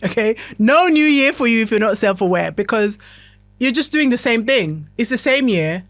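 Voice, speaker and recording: This time her voice sits fairly high, expressive and at a moderate pace, with no room sound. The woman hosts a podcast, giving a chatty, talkative self-help talk meant to motivate while she keeps checking in with the listener.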